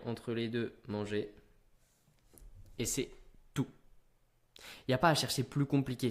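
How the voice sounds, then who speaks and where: Energetic teen lecturing on business. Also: male voice, mid-range voice. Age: teens. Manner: energetic, punchy, talks straight to the viewer. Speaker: young entrepreneur giving business advice. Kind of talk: direct-to-camera business advice vlog.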